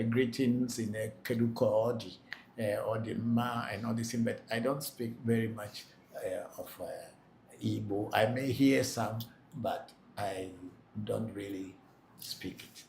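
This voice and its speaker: Reading out and answering questions in a live Q&A, this Vodu priest has a gravelly, mid-pitched, slightly mellow voice. His manner is blunt and plain, and he often repeats points to stress them. Echo and faint noise come through the recording.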